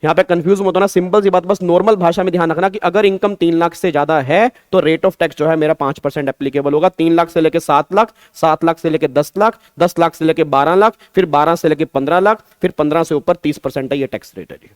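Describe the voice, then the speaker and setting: A man's voice: on the high side, steady tone, quick pace, hardly any pauses, clean tone, dry recording. A man with an Indian accent giving an online exam-prep tax lecture, coaxing students and repeating his questions, mixing Hindi with English terms. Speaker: tax teacher.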